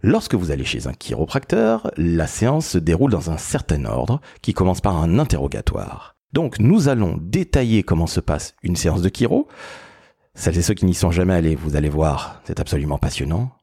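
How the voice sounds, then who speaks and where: A man's voice: sits low, very animated, moderate pace, creaky, dark tone, husky, dry recording, studio quality. A man hosting a podcast, talking emphatically and introducing his guests with big words. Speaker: podcast host.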